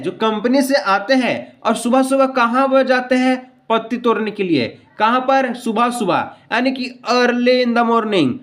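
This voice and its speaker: A male teacher, walking students through exam questions in a lively, chatty way and reading the English lines out slowly. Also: extremely high pitch.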